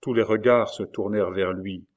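A man narrating a historical novel aloud in a measured, expressive storytelling manner. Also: on the low side. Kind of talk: audiobook reading of a historical novel.

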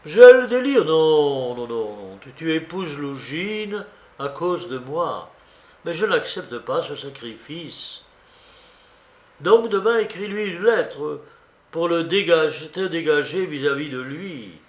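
Feverish young man, loud and insistent, roomy echo, a male narrator doing the voice. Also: on the high side, animated, slow pace. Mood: agitated. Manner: urgent and commanding. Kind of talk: audiobook character reading. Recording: roomy recording.

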